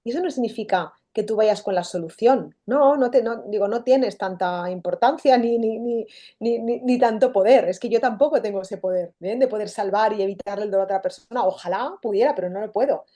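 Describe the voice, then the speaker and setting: A woman, a guest author talking in an interview, animated and often acting out quoted dialogue. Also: medium pitch, fairly quick. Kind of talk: conversational interview.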